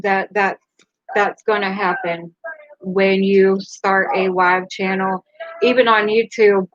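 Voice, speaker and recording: A woman's voice: medium pitch, fairly bright tone, no room sound, muffled recording. A woman hosting a casual live stream, speaking candidly and rambling a little, with a laugh between her thoughts. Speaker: livestream host.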